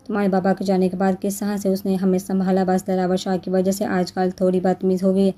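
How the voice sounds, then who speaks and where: A soft-spoken, affectionate middle-aged mother, performed by a female narrator in a storybook reading. Her tone is dark and mellow, with a fairly even, level melody. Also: mid-range voice, lightly acted. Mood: tender. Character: gentle middle-aged mother, loving and hopeful.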